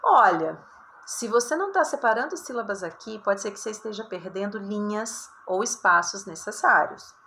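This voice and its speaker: A Brazilian woman teacher giving a recorded writing lesson, talking straight to her students in a chatty, lively way. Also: medium pitch, normal speed, gravelly, slight background noise. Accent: Brazilian Portuguese. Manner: chatty, addresses students directly, lots of "tá?" and "ó".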